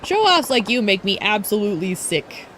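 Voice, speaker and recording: A woman's voice: mid-range voice, big pitch swings, normal speed, fairly bright tone, slight background noise. A woman voicing a bratty, arrogant young female rival idol who talks in a haughty, taunting, boastful way.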